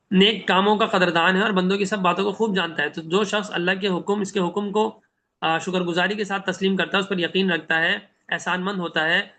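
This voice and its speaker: A man teaching a Quran translation class, reciting Arabic verses slowly and then explaining them with questions he answers himself. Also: high voice, sharp tone.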